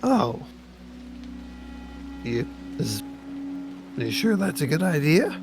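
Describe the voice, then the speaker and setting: A man's voice: fairly high pitch, big pitch swings, slow. A man playing a tabletop role-playing game, speaking in character in an unsure, hesitant way. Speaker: player. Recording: background music.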